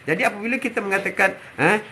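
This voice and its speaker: Older male religious teacher. High, bright voice that repeats phrases, fills the gaps with "ha" and draws out his recitations. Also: a little hiss or hum. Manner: repetitive, punctuated with "ha", drawn-out Arabic recitations. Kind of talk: short Islamic sermon.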